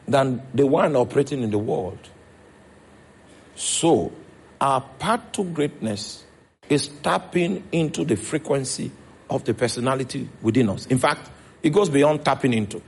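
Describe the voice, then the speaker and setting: A man's voice: mid-range voice, darkish tone, breathy edge. A man with a Nigerian accent preaching a sermon as pastor, checking in with his congregation as he goes.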